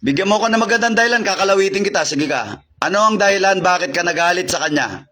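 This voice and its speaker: On a live-streamed healing and exorcism session, a faith healer speaks in a high, animated, fast voice with a sharp tone. He fires off repetitive commands and interrogates a spirit.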